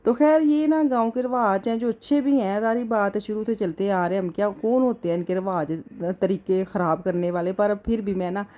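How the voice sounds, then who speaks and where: A chatty middle-aged woman with a Punjabi accent talks through her vlog in a rambling, easygoing way. Her voice sits at an ordinary middle pitch for a woman. She drifts between topics the way people do in casual talk. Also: brisk, hardly any pauses, warm tone. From Pakistan. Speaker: vlogger.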